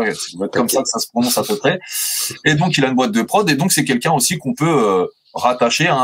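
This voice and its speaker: A man co-hosting a film podcast, talking hesitantly with many fillers and restarts. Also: medium pitch. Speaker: podcast co-host.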